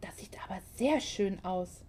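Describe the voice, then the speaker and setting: A woman voicing a gentle, friendly young mother in a German audiobook, speaking softly and hushed. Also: medium pitch, expressive, measured pace, breathy edge, whispered, voice pushed down.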